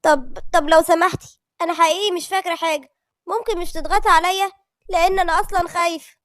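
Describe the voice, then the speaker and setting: A woman's voice: high voice, quick pace, a bit bright, no room sound, clean studio sound. A woman with an Egyptian accent voicing a frightened young wife who has lost her memory and stammers nervously. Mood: anxious. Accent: Egyptian Arabic.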